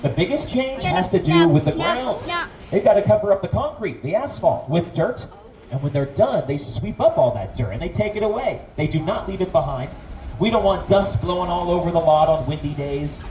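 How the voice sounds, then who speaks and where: A tour guide delivering lively scripted narration with a theatrical, joking manner and mock alarm, outdoors on a tram. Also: mid-range voice, a little fast, slight background noise.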